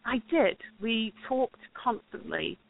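A woman's voice: on the high side, takes it slowly, creaky, dry recording. Woman on a tinny phone line. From England. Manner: rambling, thoughtful, frequent fillers. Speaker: guest, documentary grant writer. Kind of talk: casual interview chat.

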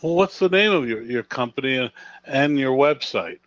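Halting male interview host, dull lo-fi audio. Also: mid-range voice, lively intonation, fairly bright tone, dry recording. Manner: halting, stammering delivery. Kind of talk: conversational interview. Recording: dry, dull lo-fi phone-in radio audio.

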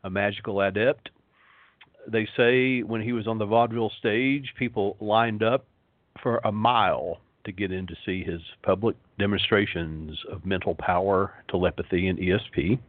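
Male host, low soothing hypnotist voice, slow and resonant, rambling monologue over a thin phone-like line. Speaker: show host. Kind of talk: rambling talk show monologue. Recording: phone-like internet radio line, roomy echo.

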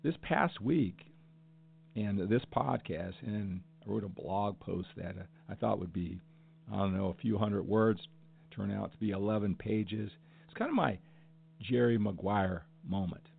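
A man's voice: fairly low pitch, a little slow, vocal fry. A middle-aged man hosting a solo podcast, talking earnestly and emphatically, repeating phrases to drive his point home. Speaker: podcast host. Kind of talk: passionate solo podcast monologue. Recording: tinny phone-like audio.

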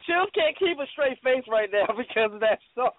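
A man's voice: extremely high pitch, expressive, normal speed, no echo. A man co-hosting a podcast in casual chat, blunt and joking, talking emphatically. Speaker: podcast co-host. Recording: tinny phone-like line.

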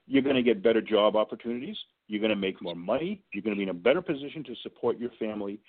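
Over a tinny phone connection, a guest advocacy director makes his case on a call-in radio interview, drawing comparisons to sports. He speaks in a fairly low voice, animated and rapid-fire, with strong emphasis.

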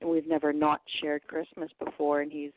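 A woman's voice: low-pitched, monotone, no echo. Woman caller over a clipped phone line. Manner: worried, halting. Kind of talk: phone-in conversation. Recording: narrow, dry phone line.

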